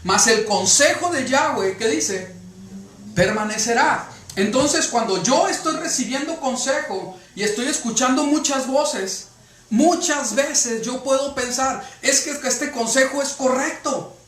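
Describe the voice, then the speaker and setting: A man's voice: extremely high pitch, expressive, measured pace, fairly bright tone, slight background noise. A man preaching a sermon to a congregation, often checking with rhetorical questions. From Mexico. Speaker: pastor. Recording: echoey room from a distance.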